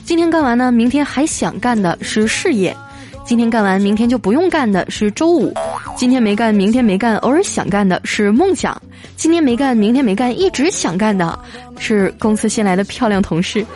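A woman's voice: fairly high pitch, animated, a little fast, a little mellow. A woman hosting a show, reading listener jokes aloud in a playful, chatty way and laughing at the punchlines. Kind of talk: casual joke reading. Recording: music playing faintly under the voice.

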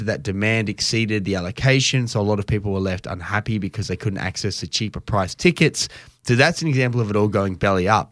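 Low-voiced man chatting, dry close mic. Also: fairly bright tone, no echo. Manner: rambling, self-interrupting, jokey asides. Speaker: podcast co-host. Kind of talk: casual chat.

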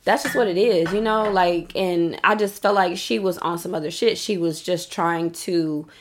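A woman's voice: lowish voice, moderate pace, slight background noise. Profane, emphatic woman telling a story. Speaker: podcast co-host. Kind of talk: candid casual podcast chat. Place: Dallas.

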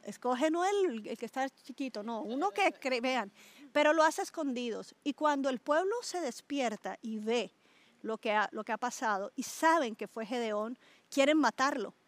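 A middle-aged woman pastor delivers a conversational sermon with a high, bright-pitched voice. The sound is dry and close. She stretches words for emphasis and turns to her listeners with questions. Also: animated, moderate pace, no echo. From Colombia. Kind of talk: conversational sermon to a small group.

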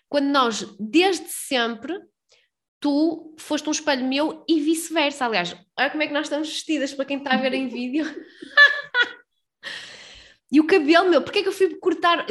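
A woman's voice: sits high, a bit bright. A woman talks in casual conversation. She is talkative and informal, leaning on slang and emphasis as she makes her points. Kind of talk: casual chat.

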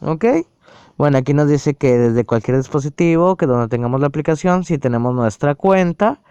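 A man calmly walking through a language app on screen, explaining each step aloud. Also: fairly high pitch, moderate pace, clean tone, no echo, highs cut off. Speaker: app reviewer. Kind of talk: casual screen-recorded app walkthrough.

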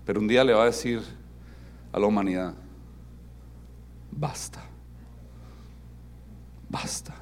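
A man preaching a sermon as pastor, animated and interactive, asking his congregation questions and dropping to soft, emphatic tones. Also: on the low side, fast talker, pauses often, a little hiss or hum. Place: church service with congregation.

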